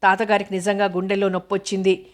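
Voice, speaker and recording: A woman's voice: mid-range voice, monotone, quick pace, lightly acted. A woman voicing an anxious young woman in an audiobook novel, speaking in a choked voice.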